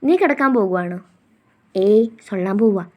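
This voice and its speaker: Cheeky young woman in love, read by a woman, playful, coaxing, mid-pitched. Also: lively intonation, moderate pace, muffled recording, natural voice.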